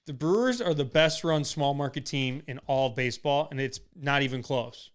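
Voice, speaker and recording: A man's voice: mid-range voice, normal speed, clean tone. A young man from Wisconsin co-hosting a casual podcast, giving emphatic, opinionated sports talk. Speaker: podcast co-host.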